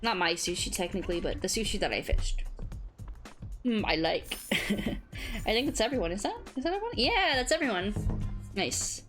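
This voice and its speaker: A young adult woman streaming a video game, chatting casually, reading the game text aloud and exclaiming excitedly as she plays. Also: medium pitch, moderate pace, long pauses. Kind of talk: let's play commentary. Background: faint game music.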